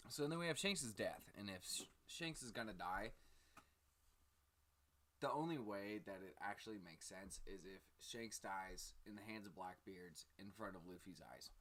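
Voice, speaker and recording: A man's voice: fairly low pitch, fairly bright tone. A man hosting his own channel, talking through his theories in a rambling, filler-heavy, casual sit-down chat. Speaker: channel host.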